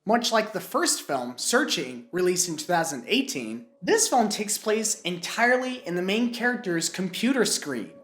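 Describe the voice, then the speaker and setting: A woman's voice: mid-range voice, sing-song, moderate pace, few pauses, a bit bright. A woman reviewing a film in a scripted video, her voice still recovering from a cold, with playful jokey asides. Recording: echoey room with music.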